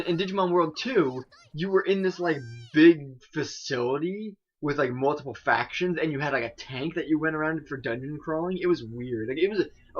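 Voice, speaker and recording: A man's voice: a little high, breathy edge, highs cut off. A man commenting on a game he is playing, in a rambling, filler-heavy casual way. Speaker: gaming video host. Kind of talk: let's-play commentary.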